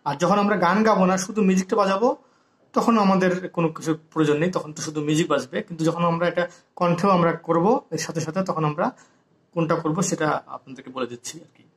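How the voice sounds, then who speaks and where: A man's voice: a little high, fast. A man teaching harmonium step by step, patiently explaining the notation and singing note names as he plays. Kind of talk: step-by-step music lesson. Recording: echoey room with harmonium playing.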